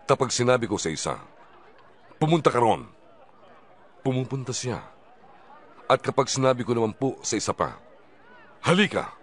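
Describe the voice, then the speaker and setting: A man playing a humble Roman army captain in an audio Bible drama, pleading in a deferential way. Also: deep voice.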